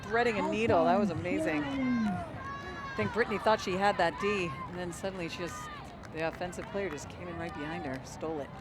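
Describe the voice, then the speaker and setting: A man with a high voice giving color commentary at a live game, breaking down each play as it happens. Loud outdoor noise surrounds his voice. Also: a little fast, over a noisy crowd. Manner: analytical, adds color to plays.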